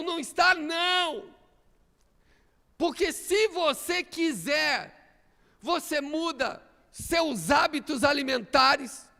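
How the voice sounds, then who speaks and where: High, gravelly-voiced male preacher, emphatic and rising to shouts, in an echoey church. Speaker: pastor. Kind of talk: sermon.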